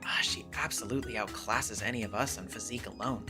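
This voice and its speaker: A man voicing gossiping young schoolgirls in hushed, breathy whispers, as whispered role-play. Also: lowish voice, quick pace, music in the background, natural voice. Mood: gossipy.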